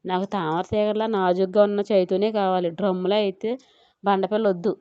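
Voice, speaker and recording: A woman's voice: mid-range voice, little pitch movement, a little fast, clear, resonant tone, no room sound, close to an everyday voice. A woman voicing a young husband who jokes and teases sarcastically in an audio story, on a slightly dull recording. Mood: teasing. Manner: sarcastic, teasing.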